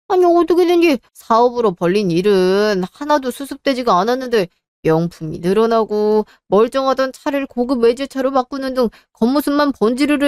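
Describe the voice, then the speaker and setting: Lady reading a fed-up younger husband arguing back, smooth clear voice, a little high. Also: no echo, studio quality, close to an everyday voice. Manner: argumentative, exasperated retorts. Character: indignant younger married man standing up to family. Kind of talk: dramatized story reading.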